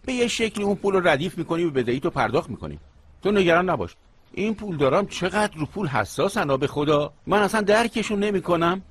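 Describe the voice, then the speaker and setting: A man's voice: high voice, very animated, slightly rough, full character voice. A man dubbing a good-humored middle-aged father who soothes his wife and daughter. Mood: soothing. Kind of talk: Persian dubbing of a TV series.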